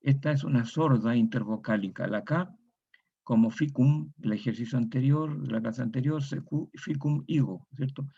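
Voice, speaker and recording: A man's voice: mid-range voice, normal speed, gravelly, dark tone, husky, lo-fi sound. A Chilean man giving a methodical lecture, repeating each example word and adding tag questions. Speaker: university lecturer. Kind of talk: recorded online lecture.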